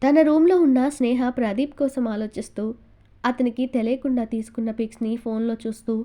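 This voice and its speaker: Woman narrator for an audiobook novel, steady, dark mellow tone, slightly high. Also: brisk.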